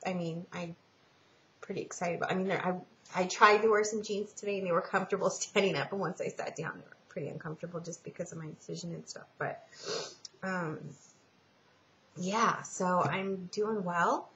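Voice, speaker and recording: A woman giving a casual personal update in a halting, rambling way with trailing pauses, like a home vlogger. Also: on the low side, steady tone, sharp tone. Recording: muffled, lo-fi home recording with hiss.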